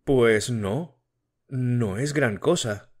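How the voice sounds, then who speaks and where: A man's voice: medium pitch, extremely slow, a little mellow. A man voicing a sickly, tearful young woman in an audiobook, pleading with her fiancé. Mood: anxious. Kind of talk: audiobook character reading.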